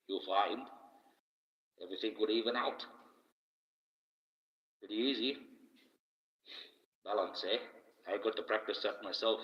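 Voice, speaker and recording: A man from Australia putting on the voice of an archangel who gives slow, preachy life advice, with an added echo for an ethereal sound. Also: lowish voice. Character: solemn archangel giving life advice, male. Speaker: live streamer reading chat. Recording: echoey, reverberant, dull lo-fi.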